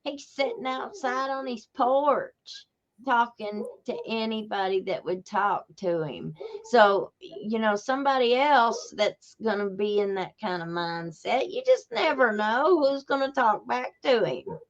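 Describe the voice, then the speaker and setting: This woman, an Appalachian-accented podcast host, chats casually about true crime, her storytelling folksy and emphatic and full of repetition for effect. Her voice is a little high and animated, her pace slightly slow. The audio sounds muffled.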